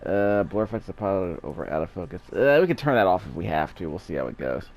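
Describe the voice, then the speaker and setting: A man with a low voice talks fast and animatedly as he hosts a video game, commentating casually and rambling off into asides. Video game music plays behind him.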